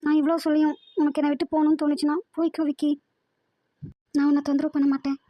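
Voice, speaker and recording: A woman voicing a hurt, devoted young woman in an animated drama, pleading insistently. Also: high voice, very fast, dry recording, close to an everyday voice.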